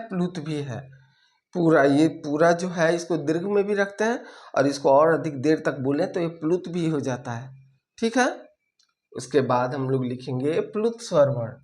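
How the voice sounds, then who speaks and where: A man teaching a lesson, slowly dictating notes, repeating phrases and checking in with his students. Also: on the high side, darkish tone. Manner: slow and deliberate, repeats phrases for dictation, ends points with "theek hai". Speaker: Sanskrit teacher.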